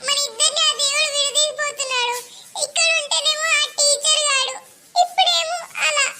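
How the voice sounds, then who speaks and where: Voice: very high-pitched, steady tone, moderate pace, over loud music. A voice actor playing a lovesick schoolboy who whines and sobs as he pleads with his girlfriend. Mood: tearful pleading. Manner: whiny, pleading, sobbing. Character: lovesick schoolboy, tearful and clingy.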